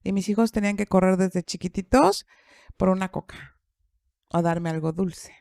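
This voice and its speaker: A middle-aged woman tells a personal story in a relaxed podcast conversation. She repeats key phrases for emphasis and acts out the voices of people she quotes. Her pitch is moderate and the recording is dry, with no room echo. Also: moderate pace, creaky. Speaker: podcast speaker. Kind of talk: personal storytelling in casual chat.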